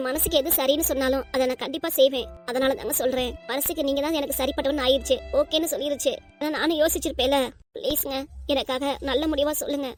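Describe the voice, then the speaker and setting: Woman voicing a rapid, high young nurse. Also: fairly even intonation, faint music behind, close to an everyday voice. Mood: tearful pleading. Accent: southern Tamil Nadu. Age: 20s. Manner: pleading, insistent, talks over objections. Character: earnest 20-year-old female nurse, lovestruck and persistent. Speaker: voice actor. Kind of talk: cartoon voice acting.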